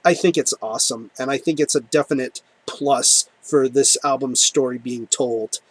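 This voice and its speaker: A man's voice: medium pitch, steady tone, moderate pace, breathy edge, no room sound. A man reviewing an album in a casual, enthusiastic monologue, full of ums and repeated words. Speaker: music reviewer.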